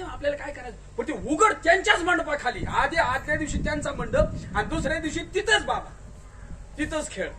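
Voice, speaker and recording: A man giving a spiritual discourse in a large tent, questioning the listeners and telling them to answer louder. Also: very high voice. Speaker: kirtankar preacher. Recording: distant mic with faint noise.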